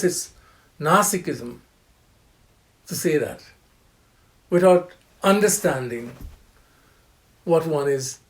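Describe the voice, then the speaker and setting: An older male professor gives a lecture on scripture at an unhurried, measured pace. His voice sits a little high for a man, and he repeats key phrases, chants verses and poses rhetorical questions to his listeners. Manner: occasional soft laughs, asks rhetorical questions.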